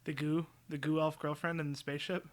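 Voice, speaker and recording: A man's voice: fairly high pitch, flat delivery. A man co-hosting a podcast, brainstorming in a casual chat and cracking sarcastic jokes. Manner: sarcastic, quick to joke. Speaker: podcast co-host.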